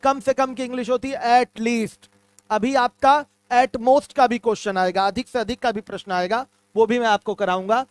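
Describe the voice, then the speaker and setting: A man's voice: very high voice, fairly even intonation, normal speed, clear, resonant tone, dry recording. A male math teacher giving an online class, patiently repeating key terms and calling his students "my children".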